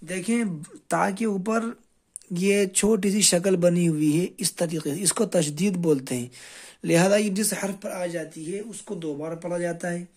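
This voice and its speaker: Man slowly reading out drills. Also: high voice, darkish tone, slightly rough. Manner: slow, drawn-out word-by-word reading drills. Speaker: Urdu teacher. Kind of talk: beginner reading lesson.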